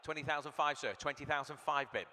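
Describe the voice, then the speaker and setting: This auctioneer talks fast in a fairly high, steady, sharp voice, reeling off prices and bids at a live sale. He tosses chatty remarks to bidders between calls, and the large hall's PA adds reverb.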